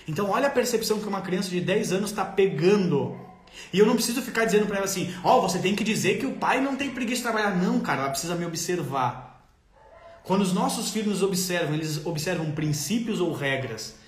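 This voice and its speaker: A man with a Brazilian Portuguese accent giving a motivational live-stream talk on parenting, animated and colloquial, addressing listeners directly. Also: sits high, a little hiss or hum. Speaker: parenting speaker. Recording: roomy echo.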